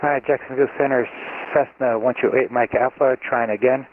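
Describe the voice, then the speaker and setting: A man's voice: mid-range voice, steady tone, a little fast. A man as a pilot calling air traffic control over the radio, in clipped radio phrasing with hesitant fillers. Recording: tinny radio line with faint hiss.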